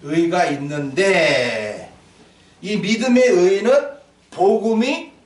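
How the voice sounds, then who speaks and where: Male pastor, high animated sermon voice, echoey church from a distance. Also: slow. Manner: animated, acts out little dialogues, quizzes the congregation. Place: church sanctuary. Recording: echoey hall, mic from a distance.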